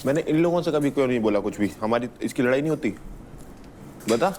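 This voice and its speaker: A man's voice: medium pitch, lively intonation, quick pace, darkish tone, a little hiss or hum. Defensive insistent young man. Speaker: reality show contestant. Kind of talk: defensive argument.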